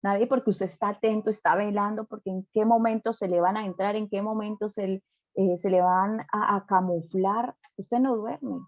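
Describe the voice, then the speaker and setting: A woman's voice: medium pitch, steady tone, moderate pace, a little mellow, no room sound, highs cut off. A woman pastor preaching a sermon emphatically, often adding rhetorical tag questions.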